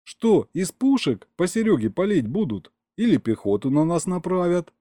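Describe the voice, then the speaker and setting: A man's voice: high-pitched, big pitch swings, moderate pace, warm tone, no echo, studio quality, voice pushed up. A man voicing a cocky young male pilot who mocks and snorts. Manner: mocking, snorting.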